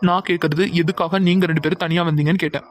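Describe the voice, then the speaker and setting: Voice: mid-range voice, fairly even intonation, racing, dry recording, lightly acted. A voice actor playing a bossy, protective young man in a cartoon who gives orders. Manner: bossy, commanding.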